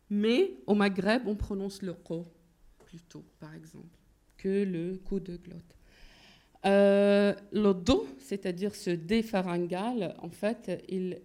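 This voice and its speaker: Gravelly-voiced woman lecturing on linguistics. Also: mid-range voice, dark tone. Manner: explanatory, thinks aloud while searching for terms.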